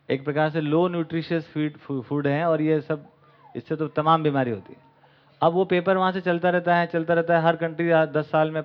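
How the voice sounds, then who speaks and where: Man lecturing a camp audience, lo-fi. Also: fairly high pitch. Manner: asks the audience rhetorical questions; mixes English words into Hindi speech. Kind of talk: spoken lecture to a live audience. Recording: dull lo-fi recording.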